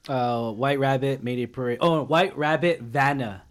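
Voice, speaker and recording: A young man in a casual chat, halting and restarting as he searches for words. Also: medium pitch, fairly even intonation.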